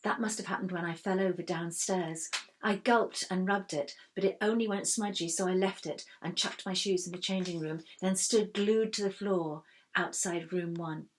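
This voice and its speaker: A woman reading a first-person children's story aloud in a steady, expressive way. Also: lowish voice, normal speed, slight background noise. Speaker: reader.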